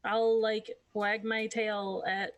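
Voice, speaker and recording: A woman's voice: medium pitch, level tone, slow, no echo, muffled recording. A woman chatting casually as a player in a tabletop game, informal and a little tentative.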